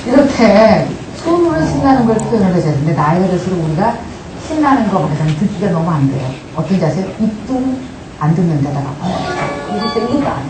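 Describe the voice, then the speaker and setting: A woman giving a lively lecture on family communication to a live audience, acting out dialogues between parents and children. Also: medium pitch, fast talker. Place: large hall with audience. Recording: echoey hall, distant mic, noisy.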